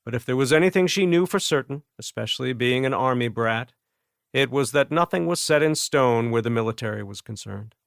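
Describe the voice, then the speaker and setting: A man narrating an audiobook in a measured, even storytelling manner. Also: medium pitch, vocal fry, dry recording, studio quality. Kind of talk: scripted narration.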